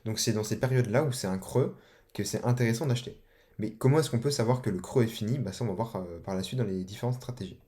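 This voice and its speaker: A young man explains things in a loose, slangy way, full of fillers and restarts. His voice sits fairly low and sounds dark and mellow. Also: quick pace. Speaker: online course instructor. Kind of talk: casual explanatory tutorial.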